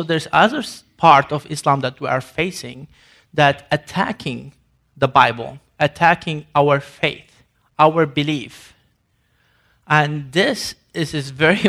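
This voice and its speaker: A man's voice: on the high side, vocal fry, a bit bright. A man from Sudan giving an emphatic ministry presentation to an audience, with grammar and frequent restarts. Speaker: ministry speaker.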